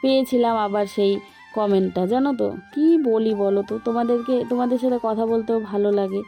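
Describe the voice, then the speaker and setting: Talkative lady vlogger, bit high voice, muffled lo-fi sound w/ faint music. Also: brisk. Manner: talkative, explains each step to viewers. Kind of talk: chatty cooking voice-over. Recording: dull lo-fi voice-over with background music.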